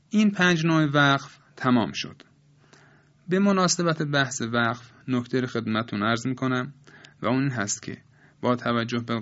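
A man in a recorded lesson, explaining Quran recitation rules step by step. He keeps a measured, patient pace and uses polite, formal phrasing. His voice sits in a middle pitch, and the recording sounds a little dull and lo-fi. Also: fairly bright tone.

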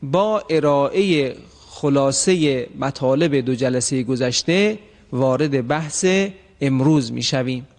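A man teaching a recitation lesson, explaining the rules and repeating example words slowly and drawn out. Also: mid-range voice, a little mellow, long reverb tail.

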